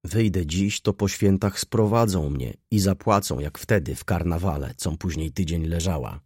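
A man's voice: low voice, normal speed, darkish tone, husky, no room sound, clean studio sound. A man voicing a brash, mocking poor young girl. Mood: brash, chatty. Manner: pert, mocking, argumentative. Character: cynical poor 19-year-old girl, brash.

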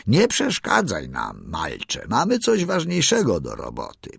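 A man voicing a huge old male walrus, sleepy and grumpy, talking slowly and gruffly. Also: lowish voice, wildly swooping pitch, a bit bright, no room sound, studio quality, full character voice. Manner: slow, gruff, dismissive.

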